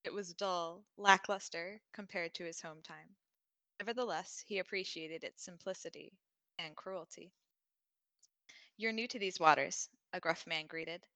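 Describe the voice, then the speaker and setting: A woman's voice: on the low side, fairly even intonation, moderate pace, bright, forceful tone, dry recording. A woman novelist, a podcast guest, reading her own short story aloud after some laughing, self-deprecating chat.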